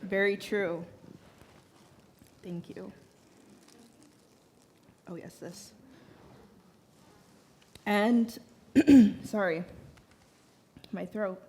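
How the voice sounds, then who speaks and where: A woman's voice: mid-range voice, very slow, pauses often, warm tone. A young woman directing children's programs, talking casually to a congregation in a chatty, hesitant way with many fillers.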